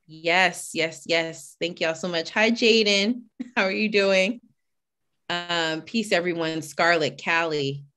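Low-voiced woman hosting a video call. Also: slow pace. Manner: warm, chatty greetings, reading names from the chat. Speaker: host and executive director. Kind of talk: casual welcome and introduction on a video call.

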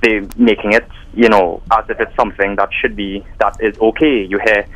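A man's voice: fairly low pitch, level tone, brisk, a bit bright, no room sound, low-quality recording. An eighteen-year-old man calling a radio show, speaking earnestly and articulately with some fillers. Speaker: caller. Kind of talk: call-in radio.

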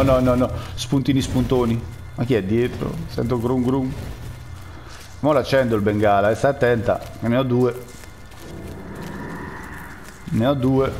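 A man's voice: mid-range voice, a little mellow. A man giving jittery, jokey live commentary while playing a game and talking to his chat. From Rome, Italy. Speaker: gaming streamer.

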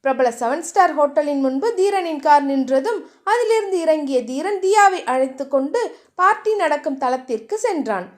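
High-voiced woman narrating a novel. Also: moderate pace. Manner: steady storytelling. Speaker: audiobook narrator.

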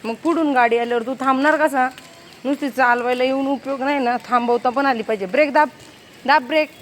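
A woman's voice: high voice, steady tone, brisk, slight background noise. A young adult woman vlogging outdoors, giving a child firm, repeated instructions on riding a bicycle. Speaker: vlogger and mother. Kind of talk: casual family vlog, teaching a child to cycle. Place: outdoors in a housing complex near underground parking.

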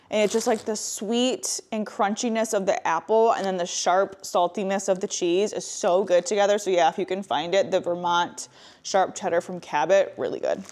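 A woman's voice: medium pitch, a little mellow. A woman in her thirties, a lifestyle vlogger, chatting casually through a grocery haul in her home kitchen on a lapel mic, upbeat and full of "like" and "um". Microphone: clip-on lapel mic.

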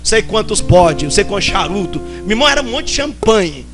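Brief: very high-pitched male preacher, theatrical storyteller, guitar music underneath. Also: moderate pace. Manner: animated, theatrical storytelling, shouting for response. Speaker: pastor. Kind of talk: sermon with storytelling.

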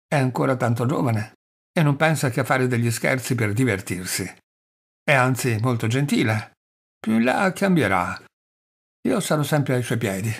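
A fawning middle-aged husband who pleads and humbles himself at every turn, voiced by a male audiobook reader. His voice is husky and a little breathy, with a plaintive, servile tone. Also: medium pitch, lively intonation, normal speed. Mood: eager. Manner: plaintive and obsequious. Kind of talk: audiobook character reading.

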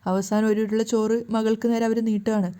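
Fairly high, mellow woman storyteller. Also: a little fast, clear, resonant tone. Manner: plain, steady retelling with small slips. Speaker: storyteller recapping a serial. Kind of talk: casual story recap narration.

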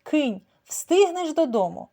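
A woman's voice: sits high, big pitch swings, takes it slowly, mellow, pitched above the performer's own voice, full character voice. A woman doing a swaggering alley tomcat. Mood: boastful. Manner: swaggering, mock-gallant. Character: scruffy ginger male alley cat, brawler.

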